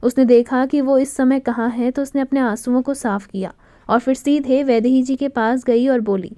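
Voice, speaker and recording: A woman storyteller giving an expressive, dramatic reading of a scripted romantic story. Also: high voice, moderate pace, no echo.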